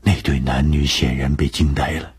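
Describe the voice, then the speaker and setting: Very deep husky male storyteller. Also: flat delivery. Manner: slow, drops to hushed whispers for suspense. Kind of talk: radio storytelling.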